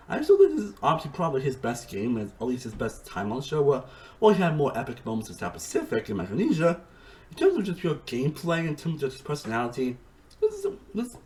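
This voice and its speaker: Excitable rambling man with a lively voice. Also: a little high, quick pace, rough recording. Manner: rambling, excitable, frequent restarts and swearing. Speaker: reality TV reviewer. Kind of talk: casual review monologue.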